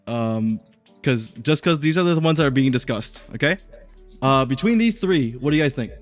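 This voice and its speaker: A man's voice: medium pitch, expressive, moderate pace, soft background music. Chatty male livestream host. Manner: rambling, chatty, reads chat aloud. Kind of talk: casual stream chat.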